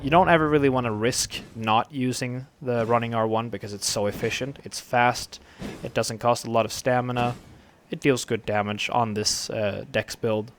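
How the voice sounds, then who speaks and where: A man with a dry, gravelly throat giving rambling, casual commentary over his own game duels. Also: medium pitch, normal speed, a little hiss or hum. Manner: rambling, relaxed, many fillers. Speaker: gameplay commentator.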